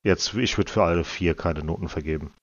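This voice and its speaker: Calm man, football podcast co-host, low voice, dull lo-fi sound. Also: fairly quick, no echo. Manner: calm, steering the conversation. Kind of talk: casual football chat.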